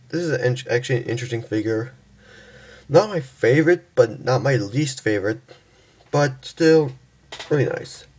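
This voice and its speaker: A young man casually reviewing and transforming a toy figure, halting and stumbling over his words, tired from just waking up. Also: medium pitch, darkish tone, slight background noise. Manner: halting, stumbles and restarts often.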